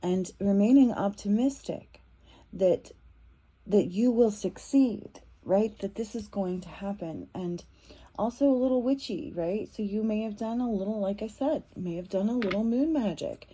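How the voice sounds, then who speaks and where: Mellow-voiced woman giving a tarot reading. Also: mid-range voice, slightly rough. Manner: loose and repetitive, with frequent fillers and restarts. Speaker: tarot reader.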